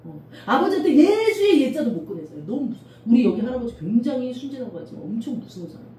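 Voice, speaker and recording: A middle-aged woman pastor preaching a sermon, animated and often acting out the voices of the people in her stories. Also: fairly high pitch, fast talker. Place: church sanctuary. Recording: echoey church room from a distance, faint noise.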